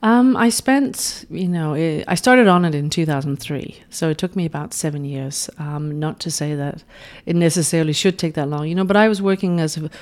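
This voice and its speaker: A woman's voice: sits low, normal speed, few pauses, a little mellow. A woman in her forties from Denmark, talking as a guest in an interview, reflective and full of "you know" and "uh" fillers. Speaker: guest, beauty brand founder. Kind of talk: conversational interview.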